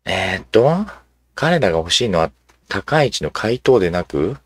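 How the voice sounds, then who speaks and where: Low-voiced man musing over online replies. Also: big pitch swings, dry recording. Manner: musing, halting, with many fillers and asides. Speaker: commentator. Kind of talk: casual commentary, reading social media replies aloud.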